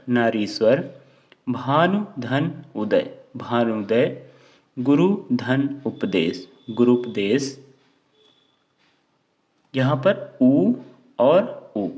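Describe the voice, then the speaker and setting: A man's voice: medium pitch, dull audio. A man teaching a grammar lesson. He asks a question and then answers it himself, drawing out each example word. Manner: slow, drawn-out words when spelling out examples.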